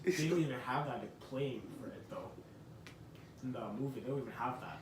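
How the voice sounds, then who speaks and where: A man's voice: mid-range voice, fairly quick, crowd noise. A young man in a casual movie chat with friends. He drops dry, teasing interjections. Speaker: guest reviewer. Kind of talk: casual group movie review. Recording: echoey room.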